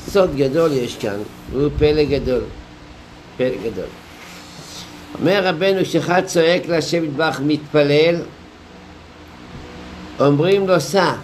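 A male rabbi delivers a Torah lecture in a somewhat high voice. He explains patiently, asks rhetorical questions, tells small stories and stretches key phrases slowly. Faint noise sits under the recording. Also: low-quality recording. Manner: deliberate, drawn-out phrasing with pauses.

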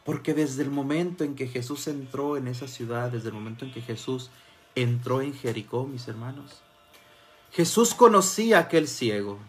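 A man preaching a sermon, dropping to soft murmurs and then rising to loud fervent cries as he calls out to his listeners as brothers. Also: mid-range voice, normal speed, soft background music.

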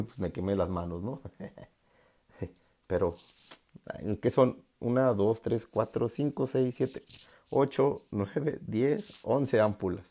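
A young man with a Mexican accent talking casually to his audience, joking and laughing, then turning earnest. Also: a little mellow. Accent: Mexican Spanish. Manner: joking, laughing, mocks others in put-on high voices. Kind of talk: casual monologue.

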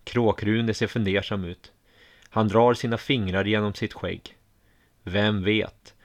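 A man narrating a first-person audiobook story in a calm, measured way. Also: lowish voice.

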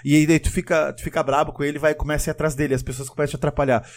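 Fast-talking man in an animated chat. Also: fairly high pitch. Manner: animated, laughing, acts out quotes. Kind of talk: casual chat about a video game.

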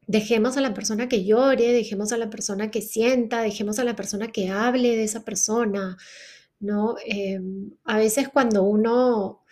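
Earnest woman, slightly high voice. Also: fairly even intonation, moderate pace, mellow. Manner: earnest, frequent rhetorical questions and tag "¿no?". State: grieving mother. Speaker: podcast host. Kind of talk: reflective solo podcast talk.

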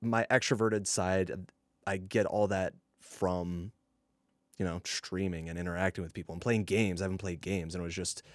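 A man with a lowish voice chats on a casual podcast, rambling along with plenty of fillers. His voice is close-miked and dry, with no room sound. The delivery is loose and unhurried. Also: no echo. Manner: laid-back, rambling, lots of fillers. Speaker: podcast co-host.

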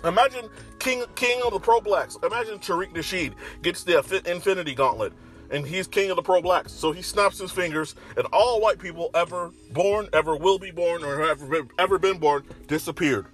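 An American man delivers an opinionated, conversational rant in a somewhat high voice. He has a slight lisp and talks bluntly with plenty of swearing. Music plays behind him. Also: brisk, fairly bright tone. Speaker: online commentator.

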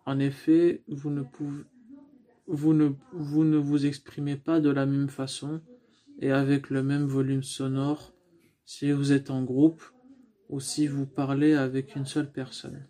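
Flat-voiced man giving voice lessons. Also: medium pitch, unhurried. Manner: explanatory, with frequent restarts and fillers. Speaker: speaking coach. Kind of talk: instructional talk on voice.

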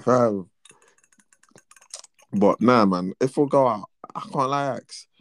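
A man's voice: mid-range voice, slow pace, dry recording. A young man with a London roadman accent, chatting casually in teasing, slang-heavy banter. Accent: London, urban roadman slang style. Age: young adult.

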